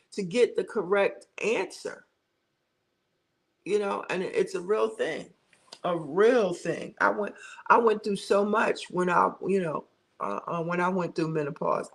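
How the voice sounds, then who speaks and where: A woman's voice: mid-range voice, creaky, poor audio. A middle-aged woman hosting a casual livestream chat from home. She talks in a chatty way, repeats words for emphasis and reads out viewer comments. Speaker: livestream host.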